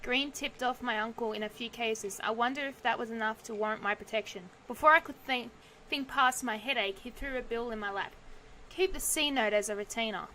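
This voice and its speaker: A woman's voice: a little high, a little fast, pushed and bright, slight background noise. A woman streamer reading detective game narration aloud, breaking off for sudden outbursts and swearing. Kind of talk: reading game text aloud with casual reactions.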